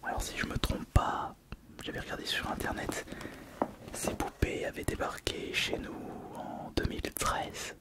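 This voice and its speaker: Man whispering ASMR, right in your ear. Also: a little slow. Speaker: ASMR video host.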